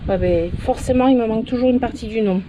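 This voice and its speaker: A woman's voice: a little high, fast talker, mellow, highs cut off, slight background noise. A woman giving a casual tour of her potted succulents outdoors, rambling and often unsure of the plant names. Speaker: plant vlogger. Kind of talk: casual show-and-tell tour.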